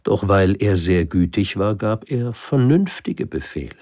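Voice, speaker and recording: A man narrating a storybook aloud in a measured, unhurried way. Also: fairly low pitch, lively intonation, darkish tone. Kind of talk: audiobook narration.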